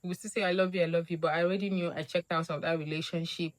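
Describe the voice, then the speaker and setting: Animated young woman telling a story. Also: fast talker. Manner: animated, acts out quotes with big pitch jumps. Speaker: vlogger. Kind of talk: casual storytime monologue.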